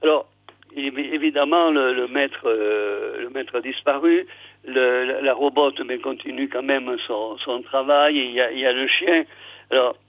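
A man's voice: mid-range voice, steady tone, moderate pace, no echo. A man reading a novel aloud on the radio, stopping often to comment, with many fillers and restarts. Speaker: radio reader. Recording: dry, phone-like radio sound.

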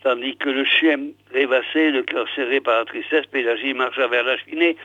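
A man reads a book aloud for radio, breaking off to explain the story in a halting, filler-heavy way. His voice sits at an ordinary middle pitch. The sound is thin and phone-like, with no room echo at all. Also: steady tone, sharp tone. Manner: hesitant, many fillers and restarts. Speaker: radio reader. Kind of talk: reading a book aloud with comments.

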